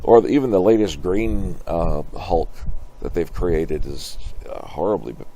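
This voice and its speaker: An older man with a very low, grandpa-like voice reacts casually as he watches. His delivery is halting and musing, with pitch that swings widely. There is slight noise in the recording. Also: lively intonation, dark tone, low-quality recording. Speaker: reaction video host. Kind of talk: casual off-the-cuff trailer commentary.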